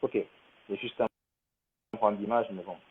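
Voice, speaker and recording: A man talks in a patient, earnest way over a video call whose sound keeps cutting out and breaking up. His voice is husky and rough. The line is narrow and tinny, like a phone. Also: fairly low pitch, fairly even intonation, brisk. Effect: call audio cutting out and breaking up. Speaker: guest on a live stream.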